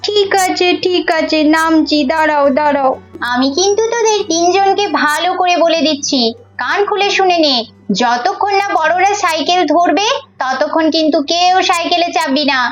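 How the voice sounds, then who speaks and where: A woman's voice: very high voice, moderate pace. A woman voicing a strict, anxious mother who scolds her children and worries that they will get hurt. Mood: scolding. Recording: slightly muffled with faint music.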